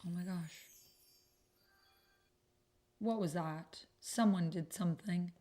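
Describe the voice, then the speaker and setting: A woman with a lowish, dark voice speaks slowly while hosting an online roleplaying game on her livestream. She chats casually, thinks aloud, and sometimes mutters to herself as she plays.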